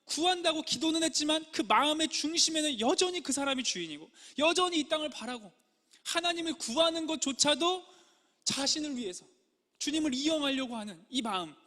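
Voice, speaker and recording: A man's voice: very high-pitched, pushed and bright, long reverb tail. A male pastor preaching a sermon earnestly, acting out prayers and quoted speech as he goes.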